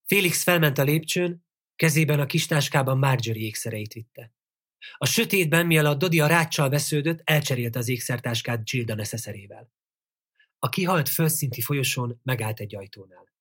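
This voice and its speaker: A man reading a novel aloud as an audiobook narrator, in a steady storytelling delivery. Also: mid-range voice, dry recording, clean studio sound.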